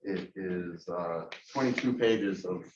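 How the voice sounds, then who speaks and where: A man with a very low voice talks casually about district funds, rambling a little and full of fillers. His voice rings in an echoey meeting room. The sound is dull and lo-fi, with faint hiss. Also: takes it slowly.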